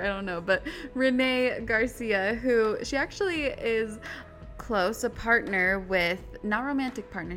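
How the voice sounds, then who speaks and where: Female podcast host, standard American accent, chatty and self-deprecating, mid-pitched voice, music behind. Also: a bit bright. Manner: giggly, self-deprecating asides. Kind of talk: casual, chatty scripted-free podcast introduction.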